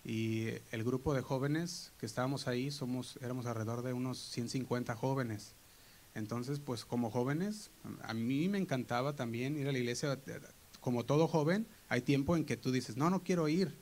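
A man's voice: medium pitch, normal speed, darkish tone. A man with a Mexican accent preaches with earnest conviction, drifting into anecdotes. His voice sits in a middle register. A faint hiss runs under the recording. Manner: earnest, storytelling, quotes others in raised voice. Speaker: pastor. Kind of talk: sermon.

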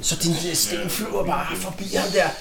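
A man narrating as game master, halting often with fillers as he describes the scene. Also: high voice, steady tone, vocal fry, reverberant, a loud crowd. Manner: hesitant, many fillers.

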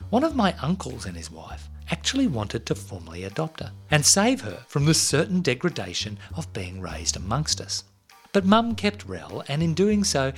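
A woman hosting a podcast, speaking in a wry, articulate, expressive way. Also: low voice. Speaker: podcast host. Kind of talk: scripted storytelling narration and interview.

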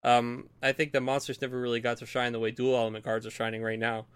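A man co-hosting a casual card game podcast, chatty and enthusiastic, quick to laugh. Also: medium pitch, monotone, a bit bright, smooth. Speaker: podcast co-host.

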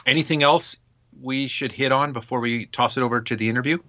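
A man's voice: mid-range voice, fairly quick, pushed and bright, no echo. A man co-hosting a podcast, introducing a guest with enthusiastic background on her releases. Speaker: podcast co-host.

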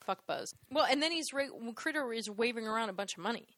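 Lively, high-voiced woman recapping a movie. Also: fast, no echo, clean studio sound. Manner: animated, laughs often, swears. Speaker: podcast co-host. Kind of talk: casual movie recap chat.

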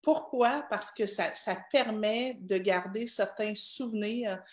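A woman's voice: medium pitch, slow pace. Earnest Québécoise woman in an echoey room. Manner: earnest, asking rhetorical questions. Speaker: parenting speaker and host. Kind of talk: heartfelt advice talk to parents.

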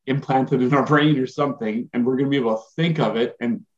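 In a laid-back podcast conversation, this male co-host throws out eager guesses and laughs while he talks. He speaks quickly at medium pitch, with an even tone, over slightly dull lo-fi sound.

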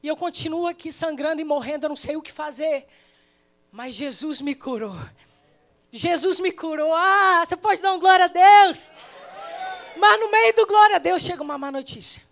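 A woman with a Brazilian Portuguese accent preaching a sermon in church, telling stories lively and acting out the voices. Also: very high-pitched, moderate pace, vocal fry. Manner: animated storytelling, acting out voices.

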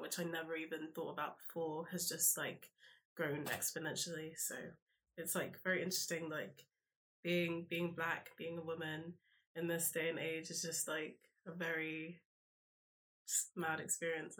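A young woman with a South London accent chats as a guest in a casual interview. Her voice sits a little low for a woman and moves within a fairly narrow range. She talks informally and haltingly, working out her thoughts as she goes. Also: flat delivery, fairly bright tone, slight background noise. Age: young adult. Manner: informal, halting, thinking aloud. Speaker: podcast guest, university student.

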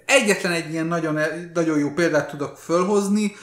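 A man's voice: on the high side, a bit bright. A man co-hosting a podcast, chatting casually about films in an emphatic, strongly opinionated way. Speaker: podcast co-host. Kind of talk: casual film chat. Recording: roomy echo.

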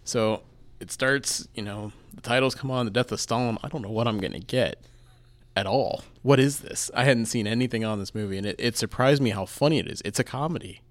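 A man's voice: mid-range voice, brisk, dry recording. A man co-hosting a casual podcast, reviewing films and chatting, laughing easily. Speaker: podcast co-host, film reviewer. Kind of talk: casual film review chat.

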